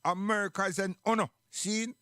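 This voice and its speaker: A man's voice: high-pitched, fairly even intonation, a little fast, bright, forceful tone, no room sound, studio quality. A man with a Caribbean accent chatting casually in Rastafarian speech, emphatic and full of rhetorical questions. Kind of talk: casual chat and commentary.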